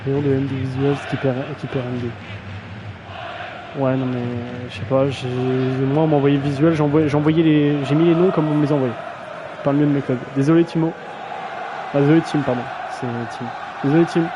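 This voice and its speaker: A man's voice: mid-range voice, level tone, normal speed, muffled recording, crowd noise, background noise. A young man casually commentating a video game match on a live stream, slangy and self-mocking, often stumbling over player names.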